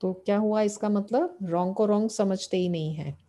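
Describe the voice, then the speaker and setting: A spiritual teacher delivers a devotional sermon explaining scripture in a mellow, warm, mid-range voice at normal speed. She asks her listeners rhetorical questions and answers them, returning again and again to the same key phrases.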